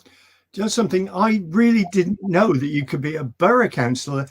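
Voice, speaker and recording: Higher-pitched man hosting a show. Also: normal speed, husky. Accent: slight northern English. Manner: friendly scripted intro, then chatty. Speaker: host. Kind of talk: online news show interview. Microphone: video call.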